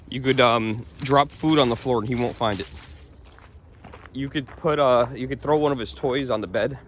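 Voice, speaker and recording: A man's voice: mid-range voice, slight background noise. A man from New York's Hudson Valley who rambles in casual vlog chat, laughing often while he walks his dog along a wooded trail outdoors. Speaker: vlogger.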